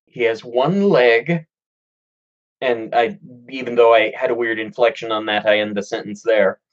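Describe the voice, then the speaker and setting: Mid-pitched player, formal in-character speech, dull lo-fi call audio. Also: flat delivery. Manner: speaks in character in a formal, measured way. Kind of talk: casual tabletop role-play.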